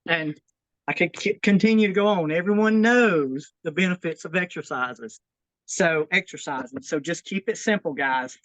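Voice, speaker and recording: A woman's voice: fairly low pitch, moderate pace, dry recording, dull audio. A woman leading a workout on a video call, slightly out of breath, encouraging and repeating that people should keep it simple. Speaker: fitness instructor. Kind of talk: workout demonstration and advice.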